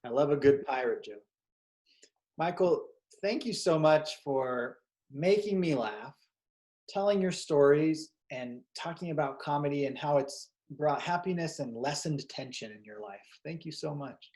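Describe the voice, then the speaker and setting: A man hosting a casual show chats with his guest in an unhurried way and thanks him, upbeat and encouraging. His voice is a little high, with lively intonation and a darkish tone.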